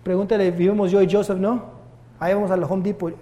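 High-voiced preacher in an echoing hall. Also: male voice, fast talker. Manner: lively storytelling preacher, switching between Spanish and English. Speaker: pastor. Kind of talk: bilingual Sunday sermon with anecdotes. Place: church sanctuary.

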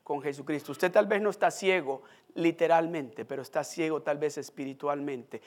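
A man's voice: a little high, normal speed, a little mellow. A male pastor preaching a sermon, speaking emphatically and addressing the congregation directly.

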